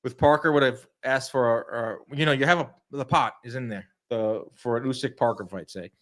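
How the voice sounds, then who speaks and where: A man hosting a live boxing stream chats casually, shares his opinions, and talks with viewers in the chat as he commentates on the fight. His voice is mid-range and a bit bright, and he talks fairly quickly.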